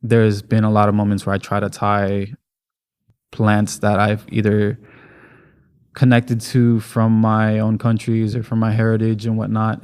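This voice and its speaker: A man's voice: on the low side, darkish tone. A man raised in Miami, a muralist guest talking casually and enthusiastically in an interview, rambling with fillers.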